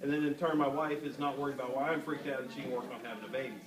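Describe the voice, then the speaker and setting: A man's voice: medium pitch, steady tone, very fast, crowd noise. A man on a parents' panel, earnestly telling his own story with frequent restarts. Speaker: panelist father. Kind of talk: panel talk. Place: panel event before an audience. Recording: echoey room, far mic, audience.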